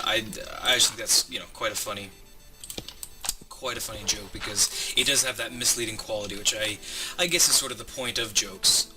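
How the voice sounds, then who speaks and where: Recorded from a distance, a twentysomething man with a lowish voice hosts a Let's Play from a home room where his chair squeaks. His gameplay commentary rambles through a joke, and he cuts himself off mid-sentence to count aloud.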